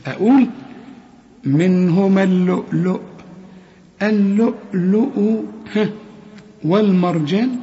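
On a dull, lo-fi recording with long reverb, a man with a highish, darkish voice and an Egyptian Arabic accent teaches the rules of Quran recitation through recited examples. He corrects every sound, repeating it, and quizzes the listener with questions.

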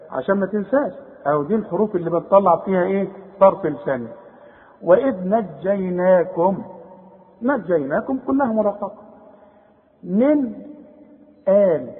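A man with an Egyptian accent teaching Quran recitation one-on-one. He explains patiently, keeps checking in with short questions, and stretches out the recited words slowly. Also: sits high. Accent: Egyptian Arabic. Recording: tinny phone-like sound with long echo.

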